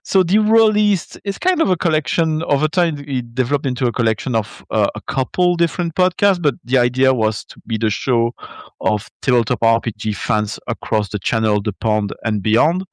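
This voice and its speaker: A native French speaker from Belgium, with a French Belgian accent, joins a podcast as a guest over a video call. He talks in a chatty, hesitant way during the interview, with a mid-range voice, moderate pace, and dry recording.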